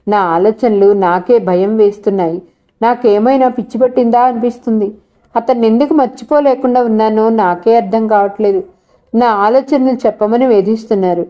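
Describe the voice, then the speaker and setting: A woman's voice: fairly high pitch, normal speed, warm tone, lightly acted. A woman voicing a brooding, lovesick young female student who answers curtly. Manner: curt, brooding.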